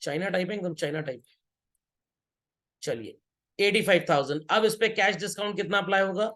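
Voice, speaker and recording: A man's voice: sits high, a little fast, fairly bright tone. A man teaching an accountancy class, joking and teasing his students as he works through problems, switching between Hindi and English. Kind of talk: classroom lecture.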